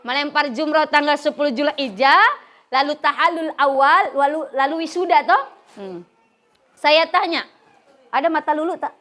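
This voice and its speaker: A middle-aged woman preacher from West Java giving a humorous religious lecture, telling stories lively and laughing often. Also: high-pitched, normal speed. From West Java, Indonesia. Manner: lively storytelling, acting out characters, frequent laughter. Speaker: female Islamic preacher.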